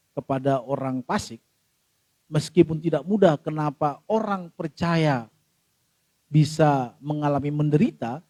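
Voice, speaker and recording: In a fairly high voice with no echo, a middle-aged male pastor shares a heartfelt personal story during his sermon. He keeps turning to the congregation and moves from loud passages to hushed ones.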